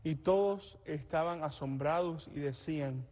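A man as priest, reading the gospel and preaching a homily at Mass in a slow, measured way, his voice ringing with cathedral echo in a large church. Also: a little high, darkish tone. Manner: slow, measured liturgical delivery. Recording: long reverb in a large church.

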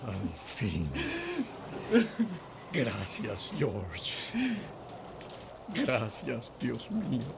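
An actor playing a gentle elderly male guardian angel in a dubbed classic film, slow and soft-spoken. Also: mid-range voice, very animated, vocal fry, background noise, full character voice. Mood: grateful.

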